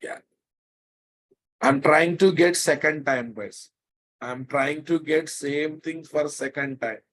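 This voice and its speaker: A man's voice: on the high side, fairly even intonation, slow, long pauses, fairly bright tone. A man with a Telugu Indian English accent lecturing live as a programming instructor, emphatic and repetitive, prodding and chiding his students with questions.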